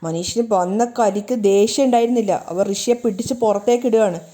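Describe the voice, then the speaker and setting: A woman's voice: medium pitch, mellow. A woman narrating a casual recap of a TV serial, acting out bits of the dialogue. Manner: brisk retelling with acted-out dialogue. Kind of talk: casual spoken story recap.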